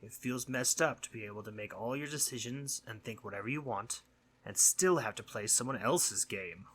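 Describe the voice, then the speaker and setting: This roleplay audio monologue features a man as a sleep demon, mischievous but concerned, whose husky, conversational delivery shifts between earnest and teasing and occasionally into breathy near-whispers. He speaks at normal speed in a mid-range voice that is a bit bright. The feeling is earnest and frustrated.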